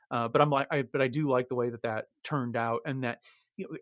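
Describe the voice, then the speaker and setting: A man co-hosting a podcast in a casual discussion, with a middling pitch. He talks in a measured, thoughtful way and restarts his sentences with repeated words. The recording is close and dry. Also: no echo. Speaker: podcast co-host.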